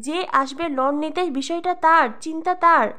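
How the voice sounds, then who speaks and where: A firm, self-assured young businessman, voiced by a woman narrator. The voice stays high and light, barely changed from her reading voice. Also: steady tone, moderate pace, pushed and bright. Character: ambitious young businessman who lends money.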